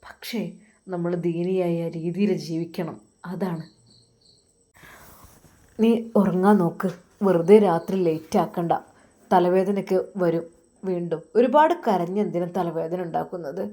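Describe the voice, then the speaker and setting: A woman with a Malappuram Malayalam accent voicing a gentle, religious young husband who steadily reassures his wife. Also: lowish voice, a little slow, long pauses, close to an everyday voice. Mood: soothing. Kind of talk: storytelling voice acting.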